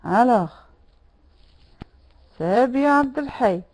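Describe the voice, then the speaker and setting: A woman's voice: a little high, expressive, extremely slow, a little mellow, low-quality recording. A woman teaching a French lesson online, patiently repeating words and correcting students by name.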